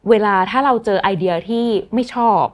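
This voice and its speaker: A woman's voice: fairly high pitch, brisk. A woman hosting a podcast, chatting casually and asking a teacher about phrases, laughing at herself. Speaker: podcast host.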